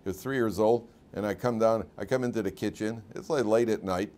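A man's voice: on the low side, a little fast, a little mellow. A man, a rabbi giving a weekly Torah class as an informal lecture full of stories, repeating words and laughing at his own tales.

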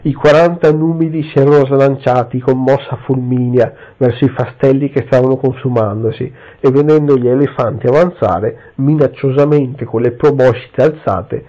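A man's voice: mid-range voice, dark tone. Man reading an adventure novel aloud. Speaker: reader. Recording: slightly dull lo-fi recording.

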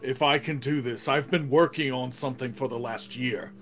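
A man's voice: medium pitch, moderate pace, a bit bright. A man chatting casually as a player in a tabletop role-play game. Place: home room on a group video call. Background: music.

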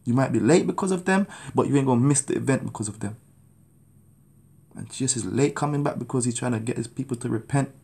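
A Jamaican man in his thirties preaches his testimony into a phone camera held at arm's length in a small room at home, sounding urgent and pleading. His medium-pitched voice moves quickly and is gravelly, a little mellow, and slightly rough.

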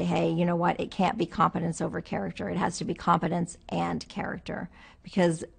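Flat gravelly-voiced woman director. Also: fairly low pitch. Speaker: interviewee, program director. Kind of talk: interview.

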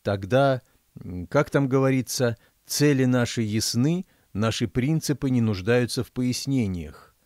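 A man's voice: medium pitch, measured pace, darkish tone, dry recording, clean studio sound, lightly acted. Man reading as a cheeky reckless king. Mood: offhand. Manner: offhand, conspiratorial.

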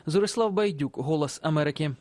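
High-voiced male news correspondent. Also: quick pace, a little mellow. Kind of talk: scripted news report narration.

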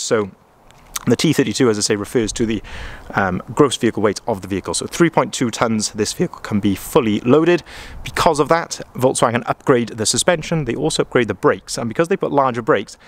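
A man's voice: mid-range voice, a little hiss or hum. A man from Wales, a van sales manager, giving a chatty walkaround of a camper van inside the vehicle and out on the dealer's lot, often saying "as I say", with the phone camera in his own hand. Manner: chatty, keeps repeating "as I say".

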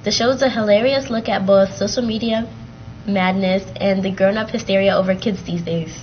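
A teenage girl reads the morning announcements for her school's TV show. She takes her time over dates and codes, keeping an even, practiced pace. The sound is a bit muffled, with a faint rumble behind her. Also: normal speed. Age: teens. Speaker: student news anchor. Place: school TV studio, green screen.

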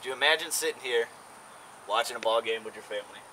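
Talking fast in a pushed, bright, medium-pitched voice, a young urban exploration vlogger leads viewers on a relaxed, homespun tour of a derelict baseball stadium. It was shot outdoors on camera audio, and the recording is rough and noisy.

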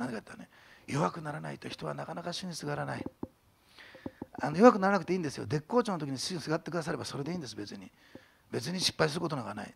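Male pastor, gravelly and husky, with a lively, swooping delivery, preaching in a chatty storytelling sermon. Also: fairly high pitch. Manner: conversational, animated storytelling with quoted voices. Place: church sanctuary.

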